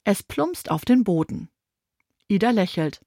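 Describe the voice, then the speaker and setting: Brief: female narrator for a children's audiobook, gentle and clear, dry studio sound. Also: medium pitch, expressive, unhurried, dry recording.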